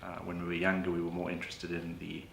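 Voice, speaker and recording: A man, answering interview questions in a relaxed way, correcting himself now and then. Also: sits low, fast talker, vocal fry. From South Africa. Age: late 30s. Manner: relaxed, with fillers and self-corrections. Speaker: author and freelance economist. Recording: echoey room with background noise.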